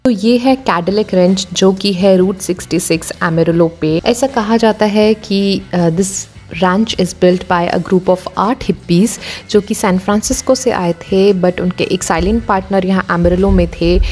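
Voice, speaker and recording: A woman's voice: mid-range voice, a little mellow. Chatty Indian woman travel vlogger. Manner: chatty, explaining as she goes, frequent fillers. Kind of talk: casual travel vlog narration.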